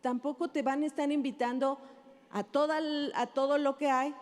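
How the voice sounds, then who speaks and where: Lady pastor, high voice, chatty sermon, echoey big auditorium. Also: fairly even intonation, moderate pace. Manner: conversational, acts out parents and children. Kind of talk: sermon to parents. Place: large auditorium. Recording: live hall reverb.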